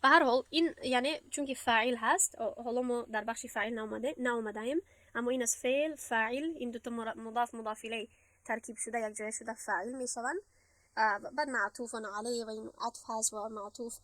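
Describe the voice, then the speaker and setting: A woman teaching Arabic grammar, explaining patiently step by step and reciting verses slowly. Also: on the high side, fairly even intonation, fairly bright tone, no room sound. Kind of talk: classroom lesson.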